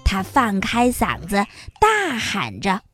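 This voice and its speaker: Female storyteller for children, slow and lilting, breathy voice. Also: medium pitch, huge pitch swings, dry recording, faint music behind. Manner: gentle, sing-song storybook telling.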